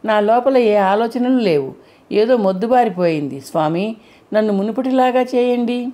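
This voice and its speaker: A woman voicing a frightened ordinary man in an audiobook, speaking in a slow, bewildered, pleading way. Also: fairly high pitch, dark tone, lightly acted. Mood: dazed.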